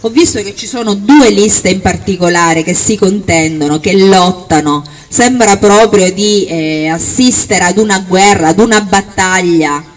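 Female rally speaker, mid-pitched, projected emphatic delivery, recorded outdoors at some distance. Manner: emphatic oratory, projected, with deliberate listing phrases. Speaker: political candidate or activist at a rally. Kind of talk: public campaign speech. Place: outdoor town square. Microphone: handheld-type microphone on a stand, amplified. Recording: distant outdoor capture, faint background noise.

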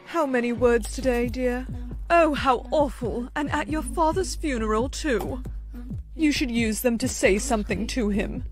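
A woman's voice: a little high, unhurried, music in the background, natural voice. An actress playing a cruel, falsely sweet stepmother. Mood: mock-sweet.

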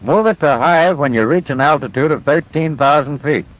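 This flight instructor, patient and confident, walks through the cockpit controls step by step, mimicking a 1940s military training film. The man's voice is a little high and lightly acted, at normal speed, and the recording is low quality, like an old film soundtrack.

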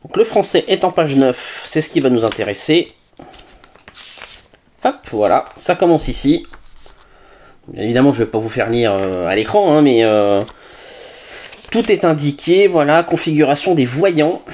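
A man's voice: fairly high pitch, animated, normal speed, pauses often, a little mellow, a little hiss or hum. A man doing a chatty product unboxing as a tech reviewer, tossing in little interjections and hesitations as he goes. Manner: chatty, with frequent "hop" and hesitations.

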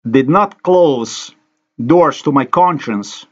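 A man's voice: a little high, animated, slow, highs cut off. Ranting man from Slovenia. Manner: ranting, accusatory, repetitive. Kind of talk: angry monologue over screen recording. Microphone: voice-over on screen recording.

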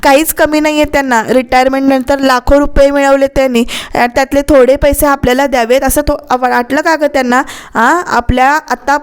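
Woman voicing an angry young wife, high pitch, accusing, shouting. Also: level tone, natural voice. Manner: furious, accusing, rapid outbursts.

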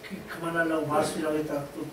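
A man's voice: on the high side, level tone, quick pace, fairly bright tone. Far-off man calling out in a hall. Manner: brief interjections from the audience. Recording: echoey hall, far from the mic, noise.

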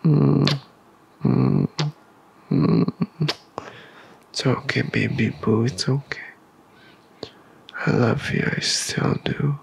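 A young man doing a whispered boyfriend role-play, talking close and intimately in a husky, breathy voice. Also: medium pitch. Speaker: ASMR roleplayer as boyfriend.

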